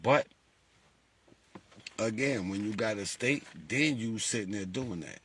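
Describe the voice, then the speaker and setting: A man with a fairly low voice talks a little slowly to his lottery group followers, with slight background noise. He's informal and animated, posing rhetorical questions and playing the roles of callers.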